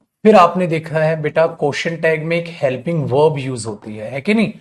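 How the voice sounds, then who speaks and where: A man teaches a live class online, his voice pitched on the high side. He's lively, poses questions and answers them himself, addresses students as "beta," and slows down to spell out English example sentences.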